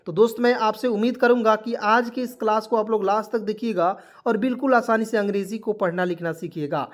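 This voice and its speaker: A man's voice: sits high, steady tone, brisk. A man teaching a spoken language lesson as a channel host. He keeps calling viewers friends, spells words out letter by letter, and asks questions that he answers himself. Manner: spells words letter by letter, repeats key points. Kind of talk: spoken video lesson with motivational asides.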